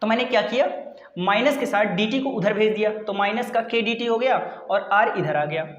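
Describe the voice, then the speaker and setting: A chemistry teacher working through a derivation on the board, step by step, asking questions and answering them himself. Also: male voice, sits high, moderate pace, fairly bright tone. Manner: step-by-step, asks and answers his own questions. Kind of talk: blackboard lesson. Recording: echoey, dull room sound.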